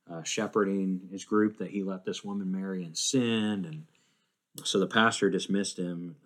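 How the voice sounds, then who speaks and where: Low-voiced man preaching with emphatic swings. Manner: emphatic, swinging from loud declarations to hushed, quiet lines; frequent uh fillers and repeated restarts. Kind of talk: sermon.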